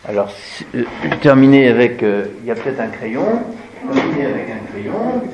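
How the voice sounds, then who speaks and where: A man giving an informal bible lesson to a group, explaining patiently and haltingly with many fillers. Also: mid-range voice, sing-song, dull audio. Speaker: religious teacher. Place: indoor room with listeners. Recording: very echoey room, mic far off.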